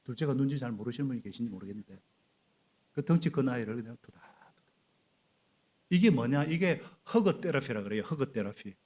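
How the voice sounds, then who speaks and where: A middle-aged male pastor preaching a sermon in a church, animated and prompting the congregation to repeat after him. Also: medium pitch, fairly quick, pauses often, husky. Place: church sanctuary.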